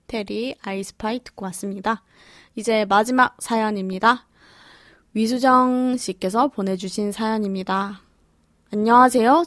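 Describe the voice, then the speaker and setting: A woman's voice: mid-range voice, no echo, studio quality. A woman hosting a podcast, reading listener stories aloud and chatting casually with frequent laughs and fillers.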